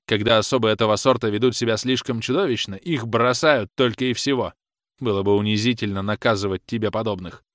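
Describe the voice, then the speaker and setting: A man reads an audiobook character: a jealous, furious young man hurling accusations at his lover, his raised voice coldly scornful. His natural voice is mid-range and fairly bright, with lively intonation at a moderate pace, recorded dry and clean in a studio.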